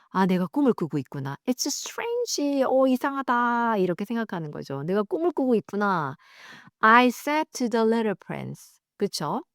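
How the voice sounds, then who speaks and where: A Korean-speaking woman teaching English through a read-aloud lesson, her pitch swinging widely as she goes. She reads the English text slowly and then chats through the meaning at speed. The sound is dry and close. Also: no room sound. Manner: reads English slowly, explains quickly and chattily; acts out sounds and voices.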